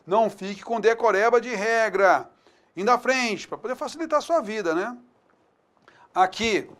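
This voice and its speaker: A man with a Brazilian accent teaching an online grammar lesson, chatty, checking in with students often and slowing down to spell out example words. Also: high-pitched. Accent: Brazilian Portuguese. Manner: chatty, repeats tag questions to students. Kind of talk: online exam-prep lesson.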